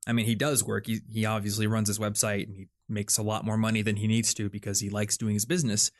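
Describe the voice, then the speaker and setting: A man's voice: lowish voice, level tone, fast. A young man hosting a podcast, talking casually and thinking aloud with lots of fillers and restarts. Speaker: podcast host. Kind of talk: casual chat.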